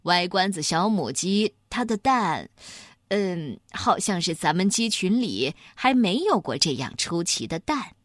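A woman voicing a tall male rooster who drawls slowly and sarcastically. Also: medium pitch, sing-song, a bit bright, no echo, clean studio sound, pitched below the performer's own voice. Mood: mocking.

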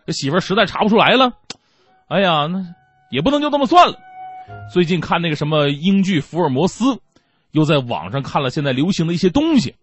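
A man's voice: on the high side, fast talker, breathy edge, soft background music. A man hosting a stand-up comedy show, telling stories with playful self-mockery and acting out the people in them. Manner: animated storytelling with acted-out quotes.

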